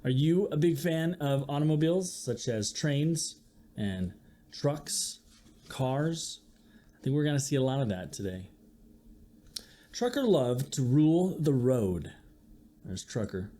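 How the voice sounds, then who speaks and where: A teacher reads a picture book aloud to young listeners, slowly and expressively, acting out sound effects and adding chatty asides. Her voice is medium in pitch.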